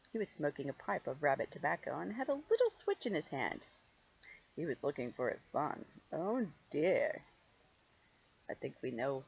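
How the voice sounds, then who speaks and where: Reading a storybook aloud to children, this grandmotherly older woman is expressive and playful, lingering on key words and chatting between lines. Her voice is deep and creaky; the highs are cut off and there's slight background noise.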